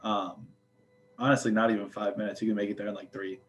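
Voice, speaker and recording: Speaking fast with a flat delivery and a fairly low pitch, a young adult man chats casually as a student ambassador, joking and leaning heavily on fillers. The audio is poor, with some hiss or hum.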